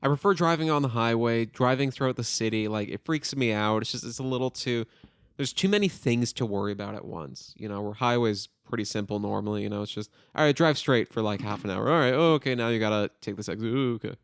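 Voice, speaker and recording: A man's voice: mid-range voice, fast talker, creaky, clean tone, no room sound, clean studio sound. A young man co-hosting a podcast, chatting casually and rambling with fillers and laughter. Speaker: podcast co-host. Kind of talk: casual chat.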